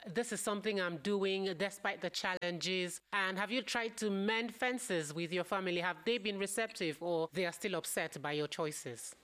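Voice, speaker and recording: A woman interviewer asking measured, probing questions. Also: medium pitch, a bit bright.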